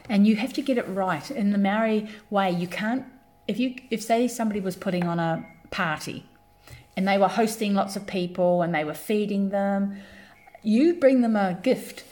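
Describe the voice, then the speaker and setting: A woman born in London and raised in New Zealand talks about her community work as a guest on a conversational podcast. Her voice is medium-pitched and darkish, and she moves at a moderate pace, telling it earnestly like a story and often starting over.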